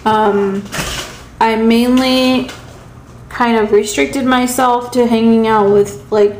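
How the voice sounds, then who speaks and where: This is a casual personal vlog by a young woman from South Carolina, originally Pakistani, who speaks with an American accent in a fairly high, darkish voice with fairly even intonation. She rambles and halts with long pauses, recorded at arm's length on a phone or camera in a small, echoey room with shelves and slight background noise.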